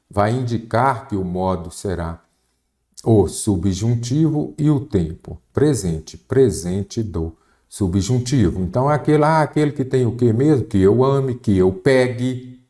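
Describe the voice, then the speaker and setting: A man's voice: lowish voice, lively intonation, a little slow, warm tone. A man with a Brazilian Portuguese accent teaching an exam-prep grammar lesson, explaining patiently and checking in often with his students.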